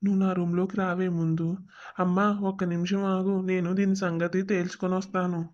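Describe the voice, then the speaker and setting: A woman voicing a cheating young village husband in an animated drama, defensive and dismissive. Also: fairly low pitch, brisk, lightly acted. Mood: annoyed. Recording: dull lo-fi audio.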